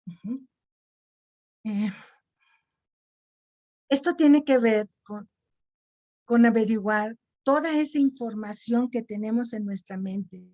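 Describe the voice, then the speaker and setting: A woman's voice: fairly high pitch, slow, pauses often, warm tone. A middle-aged woman lecturer, explaining patiently and checking in with her listeners often. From Mexico. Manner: didactic, checks in with frequent "¿sí?". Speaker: lecturer on self-esteem. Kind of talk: online lecture and Q&A.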